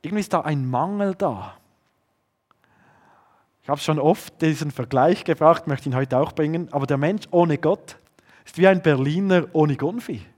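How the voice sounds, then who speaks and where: A man preaching a sermon, often dropping to a low hush to stress a point. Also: moderate pace. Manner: earnest, drops to a low hush for emphasis.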